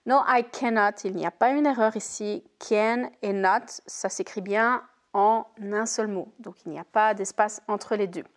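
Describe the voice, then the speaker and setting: Woman, English teacher, measured deliberate delivery. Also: fairly high pitch. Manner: slow, careful, repeats English example phrases clearly. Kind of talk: recorded language lesson.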